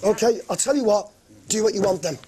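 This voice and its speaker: A football club manager who has lost his voice, talking in a hoarse whisper, defensive and stubborn. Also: high voice, brisk, warm tone.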